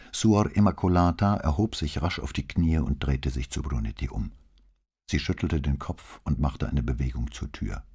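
Deep, husky male audiobook narrator. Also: mellow. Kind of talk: scripted narration.

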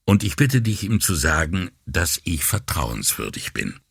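A man reading an audiobook voices a reserved, wary male agent who speaks quietly and carefully. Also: sits low, very animated, unhurried, vocal fry, husky, no room sound, clean studio sound, exaggerated voice. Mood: guarded. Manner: guarded, quiet. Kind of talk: audiobook character voice.

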